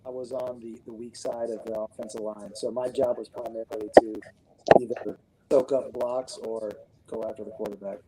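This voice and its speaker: A man from Connecticut telling his story as a podcast guest in a relaxed, rambling way. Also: fairly low pitch, moderate pace, over a noisy crowd, rough recording. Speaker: guest, business owner. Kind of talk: casual interview chat.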